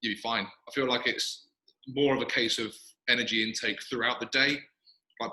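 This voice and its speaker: Male podcast host, quick and self-mocking, recorded with big hall echo in a gym. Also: lowish voice, pushed and bright. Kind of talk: casual chat. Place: echoey gym, sitting in a squat rack. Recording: echoey gym room.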